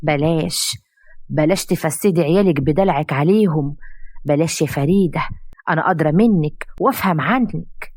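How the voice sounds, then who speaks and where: A woman's voice: deep voice, moderate pace, darkish tone, no echo, studio quality. A woman doing a bossy meddling Egyptian aunt. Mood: shouting. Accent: Egyptian Arabic.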